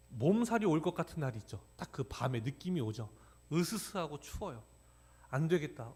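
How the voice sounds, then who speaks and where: A man in his thirties, a pastor preaching a sermon, asking the congregation rhetorical questions and dropping into hushed asides. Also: sits high.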